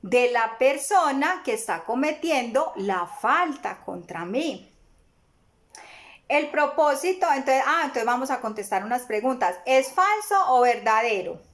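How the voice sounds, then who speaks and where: A woman's voice: on the high side, sing-song, a little slow, a bit bright. A woman teaching a Bible lesson in church, earnest and full of rhetorical questions and acted-out everyday examples.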